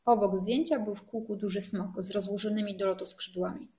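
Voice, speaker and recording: A woman reads a children's story aloud in a gentle, expressive storytelling voice. Her pitch sits in the middle range, and her delivery is clear and unhurried. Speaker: narrator.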